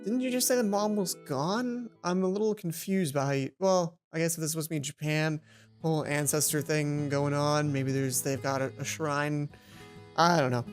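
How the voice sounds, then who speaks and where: A woman with a low-pitched voice reads a visual novel aloud at normal speed as a let's play host. She narrates expressively, performs the dialogue, and breaks off for casual comments while game music plays in the background.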